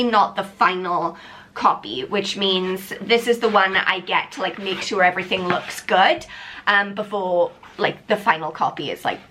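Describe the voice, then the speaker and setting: A young woman vlogging casually to camera, chatty and excitable, rambling with lots of "like"s and sounding tired. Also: medium pitch. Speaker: vlogger and author. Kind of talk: casual vlog chat to camera.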